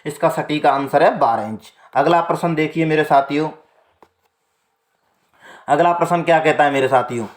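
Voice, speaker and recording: A male teacher running an exam-prep lesson, going through multiple-choice questions one by one. He keeps calling his listeners "my companions" and says each answer twice, slowly. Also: fairly high pitch, roomy sound. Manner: repeats the answer twice, slow and deliberate.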